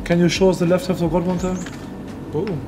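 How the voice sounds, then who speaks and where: A man hosting a casual travel vlog, narrating with enthusiasm and tossing in "boom" now and then. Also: fairly even intonation, brisk, background noise. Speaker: vlog host. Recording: music clearly underneath.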